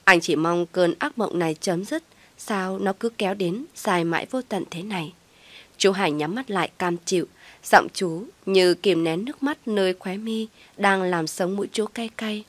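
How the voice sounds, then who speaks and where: A woman's voice: mid-range voice, normal speed, dry recording. A woman narrating a dramatic family story as a storyteller, reading steadily and expressively.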